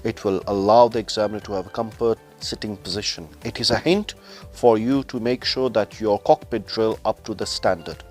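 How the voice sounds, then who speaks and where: A man speaking as a driving instructor, giving methodical, formal step-by-step instructions to learner drivers in non-native English phrasing. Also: on the low side.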